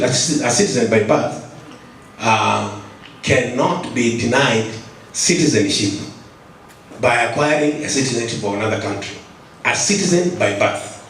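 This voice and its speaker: Man, impassioned floor question, mid pitch, far off in a booming hall. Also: a bit bright. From Kenya. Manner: insistent, repeats himself, stumbles over words. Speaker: audience member asking a question. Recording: echoey hall, distant mic, light noise.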